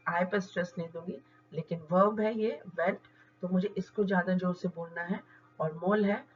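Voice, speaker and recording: A woman teaching English word stress, explaining step by step and modelling words slowly. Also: fairly low pitch, fairly bright tone, muffled recording. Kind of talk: explanatory lesson.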